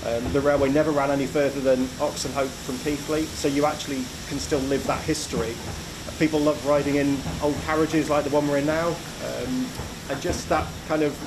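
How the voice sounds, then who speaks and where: Middle-aged man interviewed over clear carriage noise. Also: on the high side, little pitch movement, fairly quick. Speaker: railway chairman, interviewee. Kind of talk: reflective interview. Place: inside a railway carriage.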